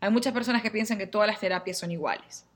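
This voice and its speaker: Mujer que explica temas de astrología y psicoterapia a sus seguidores, con tono animado y acento venezolano, imitando diálogos breves. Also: female voice, medium pitch, fast talker. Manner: lively, acts out little dialogues in quotes. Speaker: astrologer and therapy teacher. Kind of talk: casual explainer to viewers.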